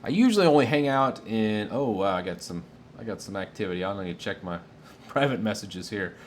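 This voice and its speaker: A man's voice: fairly low pitch, animated, fairly quick, slight background noise. A man casually answering viewer questions on a live tech stream, enthusiastic and rambling with fillers.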